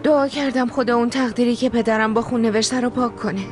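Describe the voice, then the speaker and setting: A woman's voice: a little high, steady tone, music in the background, lightly acted. A woman voicing a proud, bitter young woman in a dubbed TV drama, speaking in a heartfelt, defiant way. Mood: sorrowful. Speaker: dubbing actress. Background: background score.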